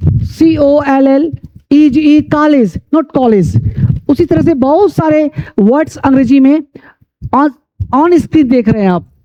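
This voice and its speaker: A man teaching English pronunciation, repeating rules and spelling letters out slowly. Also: extremely high pitch. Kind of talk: classroom-style lesson. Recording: dull lo-fi sound.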